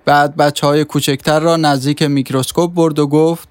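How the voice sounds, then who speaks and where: A man reading a story aloud in steady scripted audiobook narration. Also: on the high side, smooth, no echo, studio quality, faint music behind.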